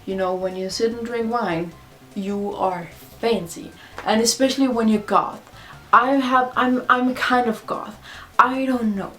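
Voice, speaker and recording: A woman's voice: a little high, fairly even intonation, measured pace, fairly bright tone, faint music behind. A drunk woman who is not a native English speaker, rambling casually and confessionally in a video blog, often repeating herself. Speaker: video blogger. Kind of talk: casual rambling monologue to camera.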